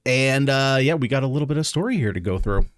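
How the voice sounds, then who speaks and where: A man's voice: medium pitch, animated, fast, no room sound, clean studio sound. Casual man rambling over gameplay. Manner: rambling, filler-heavy explaining. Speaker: gaming video host.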